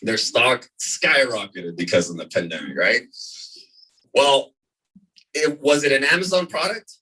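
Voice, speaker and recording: An energetic man from the California desert in the US gives a live sales presentation to an audience in a meeting room at a business opportunity meeting. He speaks at a measured pace with a breathy edge, repeats points and asks "right?", his voice sounding far off in the room.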